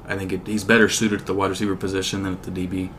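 A man co-hosting a casual sports podcast, talking in halting, hesitant phrases. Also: low voice, level tone, fairly bright tone, slight background noise. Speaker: podcast co-host.

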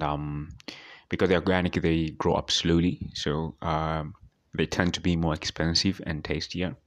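Host, male, extremely low voice, halting exam-practice talk. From Tanzania. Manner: hesitant, many fillers. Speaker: podcast host. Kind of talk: speaking-exam practice monologue.

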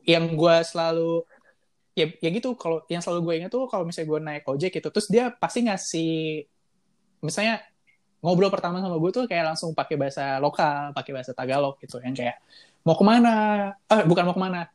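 A man's voice: a little high, a little fast. A young man from Indonesia, a podcast guest who tells stories in casual slang and laughs often. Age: young adult. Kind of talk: casual chat.

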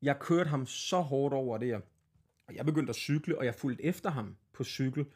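A man's voice: mid-range voice, a little mellow, breathy edge. A man from Denmark co-hosting a casual podcast, telling stories bluntly and swearing often. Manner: blunt, swear-heavy storytelling. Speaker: podcast co-host.

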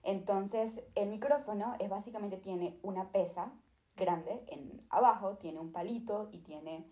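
A young woman with a Venezuelan accent tells her story straight into a desk microphone. She retells it dramatically and acts out the people involved. Her voice sits in a middle pitch and the room around her sounds echoey. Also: unhurried, mellow. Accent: Venezuelan Spanish. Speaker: YouTuber. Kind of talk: storytime vlog.

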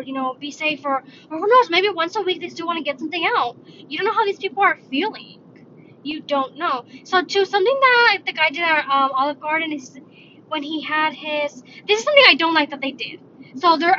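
A bright, high-voiced woman talks on her own in a loose, rambling way, often stopping to correct herself mid-sentence. She sounds like she is recording from her car. The audio is dull and lo-fi, with a faint hiss of noise behind her. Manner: rambling, self-correcting, chatty. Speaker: podcast host. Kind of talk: casual solo talk.

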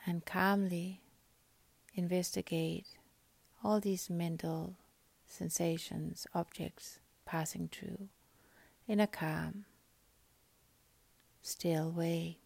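A woman guiding a meditation in a soft, breathy, half-whispered, calming voice, speaking in short phrases with long pauses. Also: fairly low pitch, no room sound. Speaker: meditation guide. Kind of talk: guided meditation.

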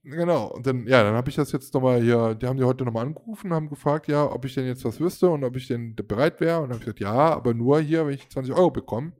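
A man's voice: mid-range voice, fast, few pauses, darkish tone. A man in his thirties casually telling a long anecdote, rambling with fillers and acting out the people he quotes. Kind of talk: casual storytelling chat.

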